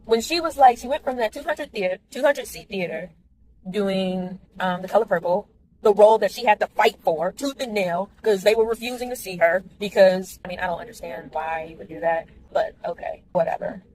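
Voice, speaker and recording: A woman's voice: mid-range voice, fairly quick, low-quality recording. Chatty woman vlogging from her car. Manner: chatty, candid, animated asides to viewers. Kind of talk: casual driving vlog monologue. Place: car, driving in the rain.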